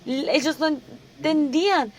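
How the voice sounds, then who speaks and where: A woman with a notably high, slightly mellow voice preaches at a somewhat slow pace. Rhetorical questions to the audience keep coming, and she repeats each point a number of times before moving to the next.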